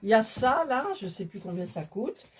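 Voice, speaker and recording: A woman's voice: mid-range voice, expressive, moderate pace, a little hiss or hum. A woman chatting casually and jokingly as she hosts a shopping haul video, talking to her viewers. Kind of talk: casual chat, presenting purchases.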